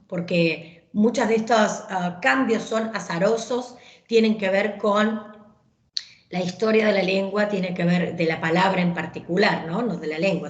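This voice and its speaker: A woman teaches an English grammar class at a moderate pitch. She explains step by step, checking in with her students through frequent tag questions and fillers. Her voice rings in an echoey room. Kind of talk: online class lecture.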